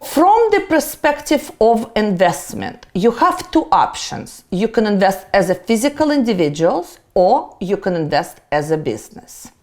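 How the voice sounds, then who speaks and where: A woman's voice: medium pitch, sing-song, a little slow, few pauses, a little mellow. A middle-aged woman from Russia with a Russian accent, a tax accountant giving a playful, emphatic lecture. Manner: playful, self-mocking, emphatic. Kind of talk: presenter lecture to camera.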